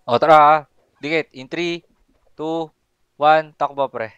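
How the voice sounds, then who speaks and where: A man leads his teammates in a casual gaming voice chat, counting down and barking short commands. His voice is somewhat high and smooth. The sound is dry and close. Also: a bit bright, no echo, dull audio, faint music behind. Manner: counts down and barks quick commands. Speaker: gamer calling the plays.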